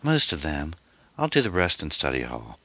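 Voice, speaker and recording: A man's voice: very deep voice, huge pitch swings, normal speed, sharp tone, no echo, full character voice. A man voicing a whiny, defiant teenage girl who sulks at her mother. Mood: sulky. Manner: whiny, sullen.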